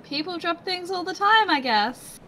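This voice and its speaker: A woman playing a tabletop game, casually describing what her character does in a halting, giggly way. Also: very high-pitched, expressive, bright, forceful tone. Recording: noisy room recording.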